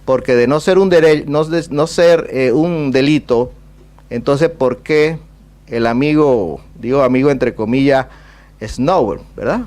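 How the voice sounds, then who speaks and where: A man's voice: medium pitch, a little slow, darkish tone. Panamanian man with Caribbean Spanish accent, discursive speaker. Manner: discursive, rhetorical questions, emphatic repetition. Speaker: ambassador giving a talk. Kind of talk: public talk with question and answer.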